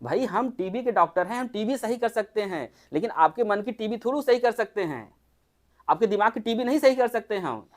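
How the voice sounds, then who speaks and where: Doctor, mid-pitched, casual group health talk, keeps firing rhetorical questions. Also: lively intonation, normal speed. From Uttar Pradesh, India. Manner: chatty, asks the listeners many rhetorical questions.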